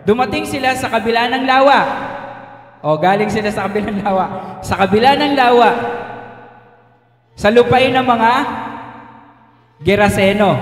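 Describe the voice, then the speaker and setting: A male pastor with a Filipino accent, preaching a sermon in an animated, joking way and acting out quotes. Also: high voice. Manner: animated, jokey preaching with laughs and acted-out quotes. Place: church hall. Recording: echoey church hall.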